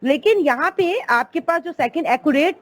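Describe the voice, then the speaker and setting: A woman's voice: high voice, lively intonation, moderate pace. A woman teaching an online English grammar class, explaining patiently step by step and calling her students "beta".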